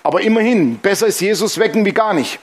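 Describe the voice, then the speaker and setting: A man's voice: high voice, animated, quick pace, breathy edge. A man preaching a sermon as pastor, emphatic and humorous, often calling out "Amen".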